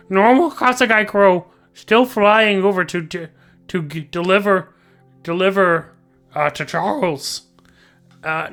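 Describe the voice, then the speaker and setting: A man voicing a messenger crow in a tabletop game, with a strained, throaty squawk and halting delivery. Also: high voice, bright, forceful tone, voice pushed up, exaggerated voice.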